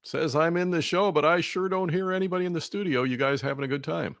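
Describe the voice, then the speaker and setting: A man's voice: a little high, fast, a bit bright, no room sound, studio quality. Man talking in over a video call. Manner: heated, emphatic, repeats words. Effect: remote guest on a video call. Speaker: political commentator guest. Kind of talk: talk show commentary. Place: Missouri.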